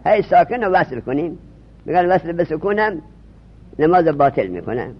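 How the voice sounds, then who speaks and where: A man teaches a religious studies lesson, his husky voice sitting a little high. He repeats each term and quizzes the class with quick questions. The recording sounds dull and lo-fi. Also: sing-song.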